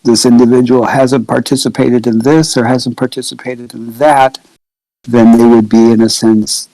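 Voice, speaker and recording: A man speaks slowly over a video call. His voice is gravelly and stays in a flat, even line. He builds his argument in a careful, methodical way. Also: medium pitch, no echo, rough recording. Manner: measured, methodical reasoning. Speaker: roundtable guest. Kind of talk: casual discussion.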